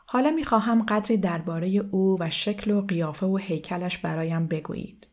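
A woman reading aloud and voicing a calm middle-aged male doctor who speaks in a measured, gently insistent way. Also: mid-range voice, lightly acted.

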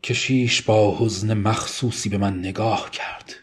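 Male first-person audiobook narrator, measured and subdued, somewhat low voice. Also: steady tone. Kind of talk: first-person novel reading.

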